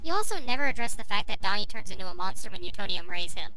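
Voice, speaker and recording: A woman's voice: medium pitch, very animated, quick pace, sharp tone, low-quality recording. A woman reviewer giving a sarcastic, argumentative commentary rebutting another video.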